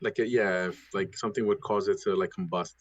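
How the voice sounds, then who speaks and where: A man's voice: low voice, fairly even intonation, brisk. A man playing a tabletop game, speaking hesitantly and trailing off, with many fillers. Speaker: player. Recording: dry, dull lo-fi mic.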